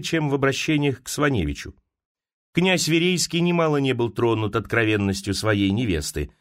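A man from Russia reading a classic novel aloud as an audiobook narrator, dramatic and expressive. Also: on the high side. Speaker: audiobook reader.

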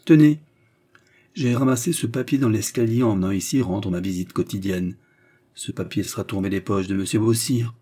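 An all-knowing count speaks with icy irony and calm command, as a man reads him in an audiobook. The voice is dark and husky, a little raised in pitch. It carries quiet authority. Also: moderate pace. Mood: cold. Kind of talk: audiobook reading.

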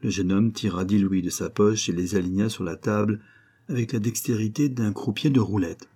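Male audiobook narrator, measured and literary, low husky voice. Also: dark tone. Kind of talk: scripted narration.

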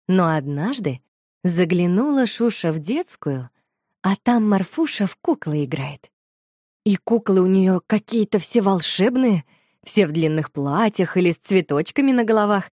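A woman narrating a children's story, reading clearly and expressively. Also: on the low side, a little mellow, no echo, studio quality.

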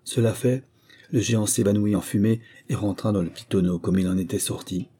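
A man narrating a fairy tale as an audiobook in a measured storytelling voice. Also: on the low side, dark tone, breathy edge.

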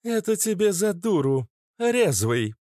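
A man's voice: fairly high pitch, very animated, moderate pace, a little mellow, no echo, clean studio sound, voice pushed up. A man voicing a haughty, scornful young woman who is a nymph mistress, in an audiobook. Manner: imperious and mocking.

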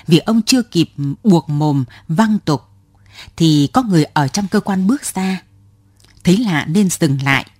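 A woman narrating an audio story in a calm, measured way. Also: on the low side, slightly rough, dry recording.

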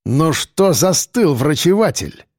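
A man's voice: a little high, very animated, slow, darkish tone, no echo, exaggerated voice. Brutal male convict ringleader voiced by a man, coarse and domineering; dry audiobook read. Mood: menacing. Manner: coarse, barking slang threats.

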